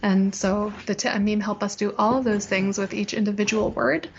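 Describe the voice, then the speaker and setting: Woman, cantor, clear and teacherly; mid pitch, slightly muffled audio. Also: steady tone, moderate pace, slight background noise. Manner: clear, teacherly, demonstrates chant by singing. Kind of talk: explanatory interview talk.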